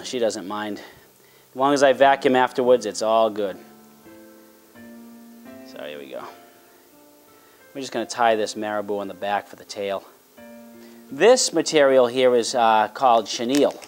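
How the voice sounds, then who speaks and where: A middle-aged man with a folksy, encouraging barbecue-dad manner, explaining things casually as he hosts. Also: medium pitch. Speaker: dad hosting a hunting and fishing show. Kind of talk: casual explaining to family and camera.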